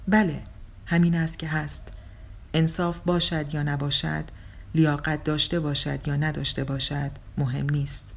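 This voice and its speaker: A woman calmly reading a story aloud as an audiobook narrator. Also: sits low. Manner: calm, measured storytelling.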